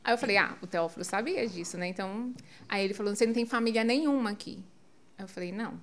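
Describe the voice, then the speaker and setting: A woman telling a personal story in a relaxed, animated conversation, often laughing. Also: medium pitch, fast. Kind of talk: casual storytelling on a podcast.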